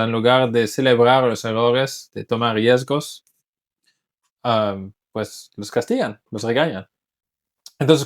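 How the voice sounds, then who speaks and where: Man speaking Spanish as a learned language. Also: medium pitch. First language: English. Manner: thoughtful, restarts words while searching in Spanish. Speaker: English teacher. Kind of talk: casual talk to camera.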